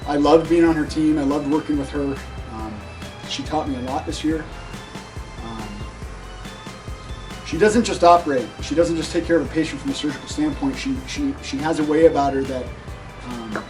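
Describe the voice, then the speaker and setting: A man giving an unscripted graduation tribute, emotional and halting, with many pauses and fillers. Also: fairly high pitch. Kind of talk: unscripted speech at a ceremony. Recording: voice a bit distant, music behind.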